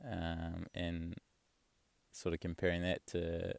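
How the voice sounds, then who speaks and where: Young man, very deep voice, gravelly, casual rambling vlog chat, dry close sound. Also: takes it slowly, no echo. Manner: relaxed, rambling, swears casually. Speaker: travel vlogger.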